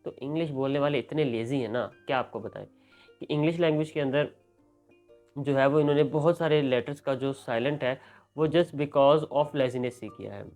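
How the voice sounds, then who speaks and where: A man's voice: medium pitch, normal speed, a little mellow, faint music behind. A man teaching English pronunciation in a video lesson, switching between Hindi-Urdu and English and spelling out letters.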